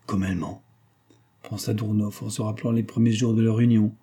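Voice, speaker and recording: Man, audiobook narration, measured, dark timbre, husky. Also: fairly low pitch, flat delivery.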